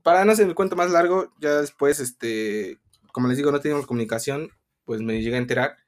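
A man's voice: medium pitch, fast talker. A young man telling a personal story to friends in casual chat, rambling with lots of fillers and laughter. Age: young adult.

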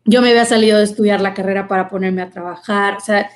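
A woman's voice: medium pitch, steady tone, fast. A woman, a guest earnestly telling her vocation story in conversation, with many fillers. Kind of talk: personal testimony in conversation.

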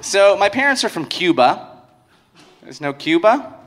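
A man's voice: high voice, very animated, measured pace, background noise. Man telling a comic story on stage. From United States. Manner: joking, punchy delivery to a live audience. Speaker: comedian. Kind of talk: live stand-up storytelling.

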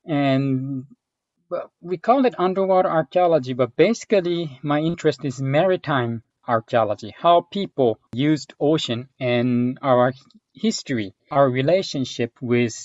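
A man from Japan, a researcher, answers interview questions at a middling pitch. He hesitates and fills his pauses as he thinks aloud. His voice sounds dry and a little dull, with no room around it. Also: a little mellow, dry recording. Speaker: guest researcher.

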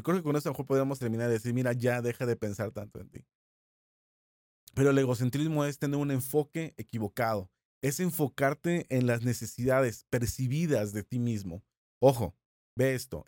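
A middle-aged man with a Mexican Spanish accent teaching a recorded Bible lesson in a small studio, talking conversationally and slowing down to repeat phrases for emphasis. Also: medium pitch, dark tone, no room sound.

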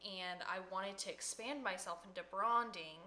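Bright-voiced woman giving casual advice. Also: medium pitch, normal speed, slight background noise. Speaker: podcast co-host, hairstylist. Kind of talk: casual chat. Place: at home.

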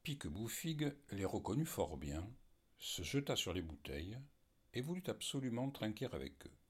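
A man narrating an audiobook in a measured storytelling manner. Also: fairly low pitch, sing-song, slightly rough.

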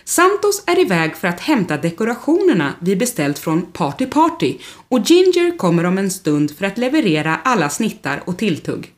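A woman reading a storybook voices a calm, reassuring man. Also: medium pitch, hardly any pauses, lightly acted. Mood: matter-of-fact.

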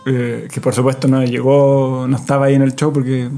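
A young adult man with a Chilean accent, a stand-up comedian recounting a show in relaxed, slangy chat. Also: mid-range voice, brisk, faint music behind. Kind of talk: casual chat.

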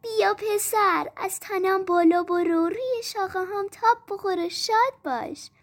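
A woman voicing a gentle, loving old tree in a storybook reading, speaking softly and tenderly. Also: very high-pitched, pitched above the performer's own voice. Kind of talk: storybook narration.

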